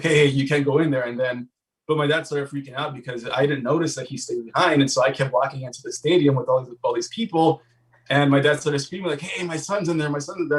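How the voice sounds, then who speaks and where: A man's voice: medium pitch, distant mic, rough recording. A man co-hosting a podcast, telling a childhood story in a rambling, casual way and slipping into Spanish. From Guatemalan-American family, Southern California. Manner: rambling, mixes English and Spanish. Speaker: podcast co-host.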